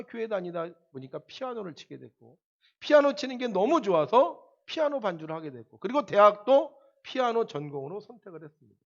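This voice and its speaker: A male pastor delivering a Sunday sermon, telling a story with loud emphatic peaks and quiet asides. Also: high-pitched, dull audio.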